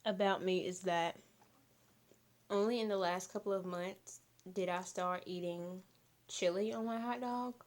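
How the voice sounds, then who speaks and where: A young woman in her late teens chatting casually to viewers between bites of food in an eating vlog. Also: fairly low pitch. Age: young adult. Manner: slow, relaxed talk between bites. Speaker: mukbang vlogger.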